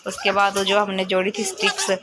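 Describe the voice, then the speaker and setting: Casual home-vlog mom in her thirties, mid-pitched and chatty, telling a family story with amused ease. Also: sing-song, brisk, very noisy. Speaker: family vlogger; mother. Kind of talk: casual voice-over narration of home footage.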